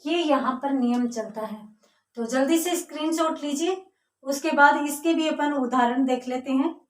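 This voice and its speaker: A woman's voice: sits high, normal speed, far from the mic. A woman teaching a grammar lesson, explaining step by step and answering her own questions. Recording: echoey room, voice from off mic.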